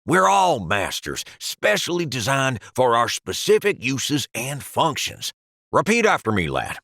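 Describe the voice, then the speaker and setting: An actor playing an older male office pen in a cartoon, a calm, teasing mentor who keeps calling others lad. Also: medium pitch, unhurried, vocal fry, no room sound, clean studio sound, heavily acted. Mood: coaxing. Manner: jokey, calls others lad and laddie. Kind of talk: animated cartoon voice acting.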